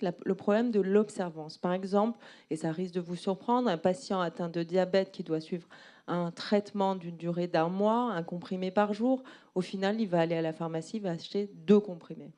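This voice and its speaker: A woman's voice: fairly low pitch, fairly quick, warm tone. A woman interpreting a presentation live, explaining and rephrasing as she goes.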